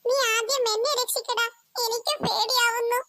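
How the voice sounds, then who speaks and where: A woman voicing a bossy older sister in a cartoon, a young girl with a high child voice who snaps at her little brother. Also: fairly even intonation, moderate pace, pushed and bright. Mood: frightened. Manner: bossy, snappy. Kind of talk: cartoon voice acting.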